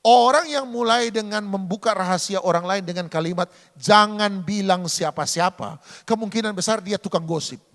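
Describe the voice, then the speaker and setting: Pastor, male, high gravelly voice, playful preaching style with acted-out exchanges, big church reverb. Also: moderate pace, fairly bright tone. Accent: Indonesian. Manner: humorous, acts out dialogue, asks the congregation questions. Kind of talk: sermon. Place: church sanctuary.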